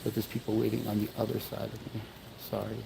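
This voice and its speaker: A man's voice: fairly low pitch, completely flat delivery, fast, creaky, warm tone, slight background noise, rough recording. A man livestreaming at an outdoor memorial, talking earnestly to viewers in a rambling way and often apologizing. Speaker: livestream host at a memorial event. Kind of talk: emotional livestream talk.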